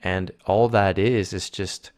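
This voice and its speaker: A man from Argentina, a spiritual mentor as guest, talking in a soft, earnest, gently encouraging way. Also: deep voice, steady tone, slow. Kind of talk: reflective conversation.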